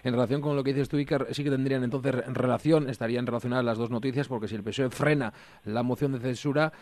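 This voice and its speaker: A man's voice: mid-range voice, fairly even intonation, fast, darkish tone. Male radio host reading headlines. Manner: reads headlines, steers discussion. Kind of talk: radio panel moderation.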